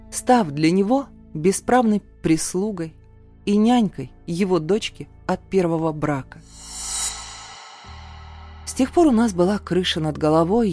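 Woman narrating an audiobook, low-ish voice, soft music underneath. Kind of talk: scripted first-person narration.

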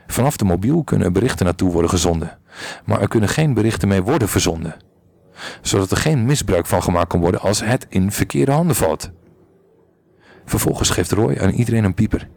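A man's voice: vocal fry, a little mellow, no echo. A man reading a podcast story aloud, with small slips and restarts, and lifting his voice for the characters. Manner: reads aloud with small slips and restarts, jumps higher for quoted lines. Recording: faint music behind.

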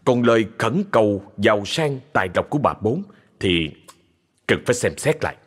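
A man tells a ghost story in a husky voice with a lively swing of pitch. The reading carries a long reverb tail. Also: moderate pace. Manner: lively, colloquial telling.

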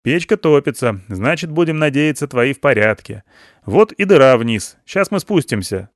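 A man voicing a bossy male rescuer who keeps shouting his words in a story reading. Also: mid-range voice, lively intonation, moderate pace, no echo, studio quality, voice pushed up, lightly acted. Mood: bossy, loud. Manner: shouting, emphatic.

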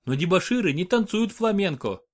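A man narrating an audiobook in an expressive storytelling manner. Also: high voice, a little fast. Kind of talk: scripted narration.

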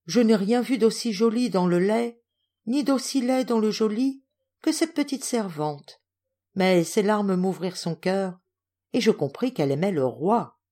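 Expressive woman reading a fairy tale. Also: medium pitch, measured pace. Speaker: audiobook reader. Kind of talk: scripted narration of a literary tale.

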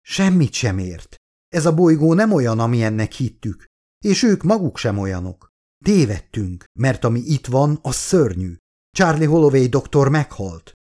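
A man's voice: on the high side, lively intonation, warm tone, voice pushed up, natural voice. A man voicing a distraught, wounded woman scientist who talks in an urgent, disbelieving way. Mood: angry.

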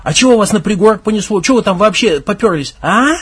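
Man doing a hot-headed young gang leader, shouting, mocking, coarse, husky edge. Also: high voice, a little fast. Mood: scornful.

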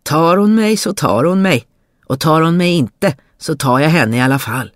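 A reader doing a loud, eager young fool. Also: mid-range voice, lively intonation, no room sound, studio quality, close to an everyday voice. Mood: eager, boisterous. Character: foolish cheerful young peasant brother.

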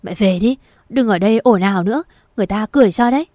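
A woman's voice: mid-range voice, quick pace, mellow, no echo, clean studio sound, lightly acted. A woman voicing a frustrated young man arguing with his mother. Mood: pleading. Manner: pleading, exasperated.

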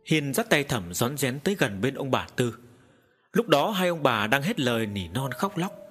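A man narrating an audiobook story in an expressive, animated way. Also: medium pitch, moderate pace, breathy edge, faint music behind.

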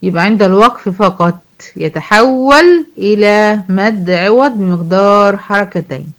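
A woman with an Egyptian accent teaching tajweed, explaining rules in casual speech and reciting verse examples slowly. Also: medium pitch. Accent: Egyptian Arabic. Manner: asks students questions and answers them herself.

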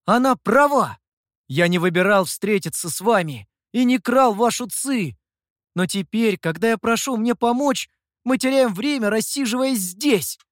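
A reader voicing a desperate, angry young man who shouts in defiance in an audiobook. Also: mid-range voice, a little slow, few pauses, no echo, clean studio sound, pitched above the performer's own voice, natural voice.

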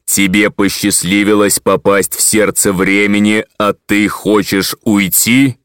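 A man voicing an ancient guardian pillar with a booming, metallic voice, speaking slowly and solemnly. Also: flat delivery, fairly bright tone, clean tone, no echo, clean studio sound. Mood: questioning. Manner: slow, solemn, imposing. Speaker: audiobook narrator. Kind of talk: audiobook reading.

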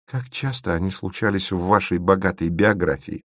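A man's voice: low-pitched, moderate pace, no room sound, clean studio sound. A man reading the part of a small-voiced, determined young woman investigator, insistent and turning cool and formal. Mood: pleading. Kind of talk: audiobook reading.

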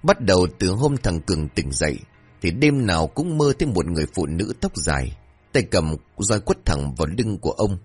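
Man, horror storyteller, dramatic, low voice, faint music behind. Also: normal speed, husky. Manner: dramatic, expressive.

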